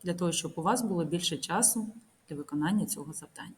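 A woman teacher narrating a recorded grammar lesson, reading example sentences slowly and carefully. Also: fairly low pitch. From Ukraine.

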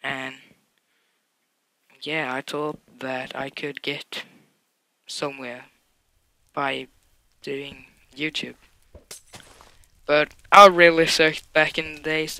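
Young male gamer vlogger, unhurried and deadpan, gravelly edge. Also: a little high. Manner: offhand and deadpan, reads out questions and answers bluntly. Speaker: Minecraft YouTuber answering viewer questions. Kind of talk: casual Q&A vlog.

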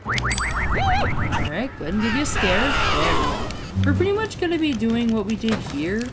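Lively chatty woman gaming host. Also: a little high, moderate pace. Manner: chatty, rambling, thinks out loud. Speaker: let's play host. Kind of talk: casual gameplay commentary. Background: loud game music.

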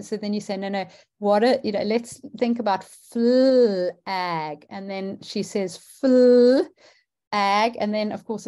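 A woman's voice: mid-range voice, darkish tone. A woman, a dyslexia specialist teacher, presenting a webinar and explaining her methods step by step with frequent fillers.

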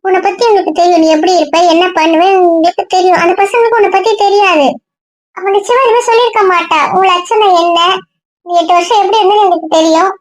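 A woman in casual family banter, scolding and exasperated with her relatives. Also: very high voice.

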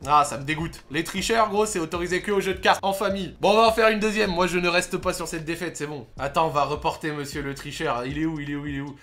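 A young man commentating his own gameplay, excitable, swearing and shouting at the game. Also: fairly high pitch, fast, hardly any pauses. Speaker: gaming YouTuber.

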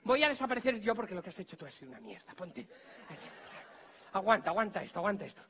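A Spanish-accented man runs a comedy magic act on a theater stage, teasing the volunteers and firing off quick orders. His pitch jumps around a lot and his tone is bright and sharp. He is heard through a stage microphone. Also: very animated, a little hiss or hum.

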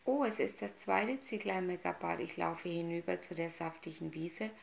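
A woman's voice: fairly low pitch, steady tone, normal speed, vocal fry, a little hiss or hum. A woman voicing the middle young goat, with a stronger, somewhat raised voice, in a storybook reading on a dull lo-fi recording. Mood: eager. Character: middle young goat, bolder than the smallest.

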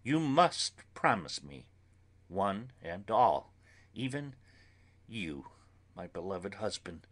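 A man reading an audiobook, voicing an anguished, earnest young woman who pleads solemnly and slowly with her friends. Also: fairly low pitch, sing-song, a bit bright, full character voice. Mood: solemn pleading. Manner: solemn, slow, pleading delivery.

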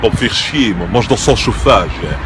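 A man playing a brash, swaggering young street thug with a loud, nasal Brussels accent, recorded outside on a noisy street. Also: on the low side, lively intonation, a little fast, pitched below the performer's own voice, close to an everyday voice. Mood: boastful.

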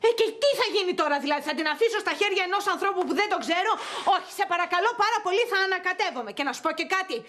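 A woman's voice: extremely high pitch, lively intonation, few pauses, a bit bright, a little hiss or hum. An actress playing an anxious wife and mother, agitated and complaining.

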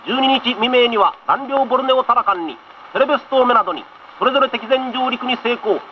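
A man's voice: very high voice, brisk. A man narrating an old wartime newsreel in a formal, stirring, declamatory way, heard from an archival film soundtrack. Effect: old wartime newsreel recording. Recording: dull lo-fi old film soundtrack with faint hiss.

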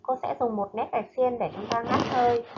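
A woman primary school teacher giving a recorded reading lesson to young children, speaking slowly and enunciating each word with care. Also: a little high, fairly even intonation, highs cut off, background noise. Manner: slow, careful, clearly enunciated reading and drills. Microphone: voice-over narration over slides.

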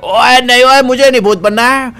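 A young man voicing a jolly, excitable male cartoon cat who shouts eagerly. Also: extremely high pitch, normal speed, pitched above the performer's own voice, full character voice. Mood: excited.

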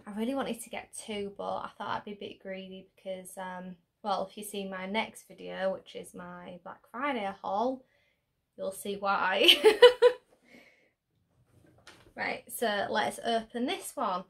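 A woman with a slightly hoarse voice, chatting casually and giggling excitedly as she unboxes makeup for her channel. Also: medium pitch, measured pace. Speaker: beauty vlogger.

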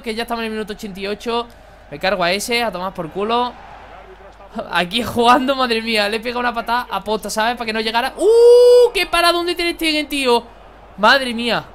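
A young man, excitably commentating his own football video game match for viewers. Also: sits high, a little hiss or hum. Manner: excitable, exclaiming, chatty. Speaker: gaming youtuber. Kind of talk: live gameplay commentary.

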